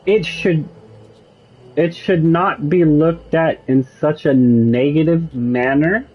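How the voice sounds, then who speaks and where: A man's voice: a little high, slow pace, breathy edge, phone-quality sound. A man streaming a video game, musing and digressing in casual commentary. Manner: musing, digressive, with frequent restarts. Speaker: gaming streamer. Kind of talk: casual rambling commentary over gameplay.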